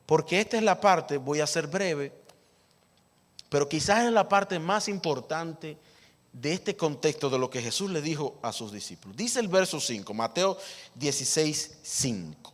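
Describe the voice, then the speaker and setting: A man preaching a sermon as pastor, animated, acting out Bible dialogue with chuckles between points. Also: on the high side, unhurried. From Dominican Republic. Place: church sanctuary. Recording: reverberant church hall.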